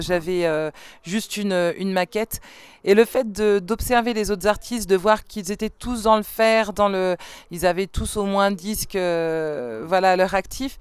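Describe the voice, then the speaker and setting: Recorded dry on a studio mic, this woman, a singer-songwriter in a band whose first language is French, has a smooth mid-range voice. She responds to interview questions in a hesitant, reflective way, often restarting and using fillers.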